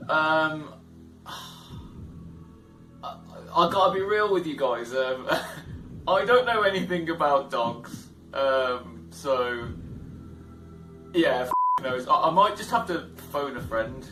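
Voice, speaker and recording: A man's voice: a little high, animated, slow pace, long pauses. A man playing a quiz game, commenting frankly and swearing, laughing at himself. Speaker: gamer. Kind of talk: casual let's-play commentary. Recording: roomy distant mic. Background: game music.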